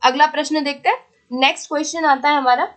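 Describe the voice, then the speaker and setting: Young woman, Hindi accent, high voice, exam-prep teacher, patient and explanatory, reads questions slowly. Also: fairly even intonation, fairly bright tone. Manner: explanatory, repeats "theek hai" to check in; slows down to read questions aloud.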